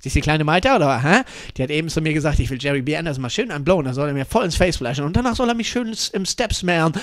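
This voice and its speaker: A man with a hoarse voice doing a rowdy, crude comedy skit, shouting and mixing English words into his German. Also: a little high, animated, racing, no room sound, studio quality.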